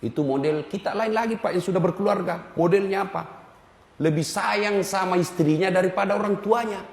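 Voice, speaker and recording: Animated preacher, echoey hall. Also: male voice, high-pitched, fairly quick. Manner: animated, teasing, calling out to the audience. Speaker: Islamic preacher. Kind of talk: humorous sermon.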